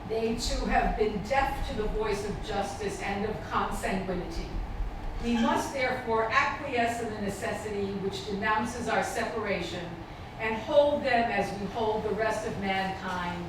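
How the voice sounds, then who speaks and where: A woman formally reciting a historical declaration in public, with stately and measured oratory. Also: mid-range voice. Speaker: public reader at a commemorative event. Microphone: distant microphone. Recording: distant, very echoey, noisy background.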